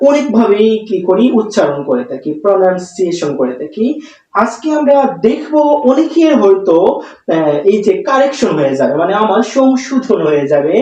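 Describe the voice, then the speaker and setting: A teacher giving a spoken English lesson, explaining slowly and repeating words, recorded from a distance. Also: mid-range voice, warm tone. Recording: echoey room, far from mic.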